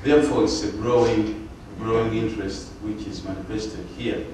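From a panel table in a lecture hall, an older Ugandan man whose first language is Luganda gives a formal symposium address. His fairly low voice is measured and formal, though halting with fillers. Sitting back from the table mic on a stand, he sounds distant in a strongly echoing room with steady hiss.

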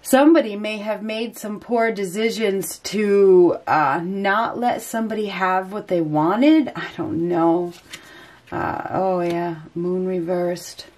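A woman with a head cold and a stuffy nose gives an unscripted tarot reading at a table indoors, thinking aloud as she turns over the cards. Her mid-range, slightly mellow voice moves slowly, and her manner is rambling and hesitant.

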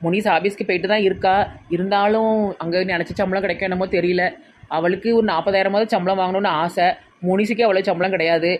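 A woman with a Tirunelveli Tamil accent acting in a comedy skit, chattering gossipy and quick. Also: mid-range voice, fairly even intonation, a little hiss or hum. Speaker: comedy sketch actor.

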